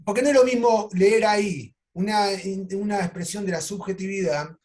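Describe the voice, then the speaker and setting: A man with an Argentine Spanish accent, a psychoanalyst lecturing over a video call and telling clinical cases in a lively, animated way. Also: high voice, normal speed. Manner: animated storytelling, acts out quoted lines. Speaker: psychoanalyst teaching an online course.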